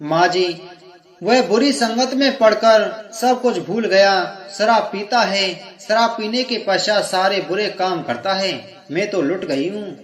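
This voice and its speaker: A heartbroken young wife pleads and weeps through her prayers, as a male storyteller puts her on. The voice sits high. The room around it is echoey. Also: a little slow. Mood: despairing. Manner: pleading, tearful. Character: grieving young wife praying to the goddess.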